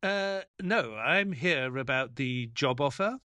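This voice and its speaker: A man playing a mild, earnest doctor who narrates his detective tale in a measured, polite audio play style. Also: mid-range voice, lively intonation, pushed and bright, no room sound. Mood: hesitant, polite. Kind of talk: dramatic first-person audio play narration.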